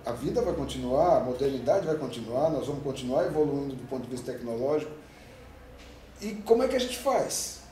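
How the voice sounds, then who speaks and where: An animated, mellow, mid-range voice talks fairly quickly: a Brazilian man in his fifties who leads a union. He answers interview questions at length, emphatic and rambling, leaning heavily on rhetorical questions. The recording has echo, a distant mic and faint noise.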